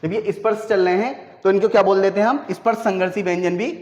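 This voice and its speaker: A man's voice: high-pitched, fairly even intonation, quick pace, darkish tone. A male teacher giving a classroom lesson, who keeps asking his students questions and then answering them himself. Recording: echoey room, dull lo-fi sound.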